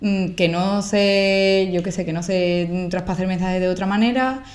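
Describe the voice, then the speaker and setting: A woman's voice: mid-range voice, fairly even intonation, normal speed, darkish tone. A young woman with an Andalusian Spanish accent speaking casually and with opinion in an interview, using colloquial, emphatic phrasing and rhetorical questions. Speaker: guest, social media creator and activist.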